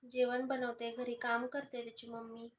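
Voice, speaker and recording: A woman's voice: a little high, monotone, normal speed, a little hiss or hum. A mother hosting a casual live stream, coaxing her small child with questions.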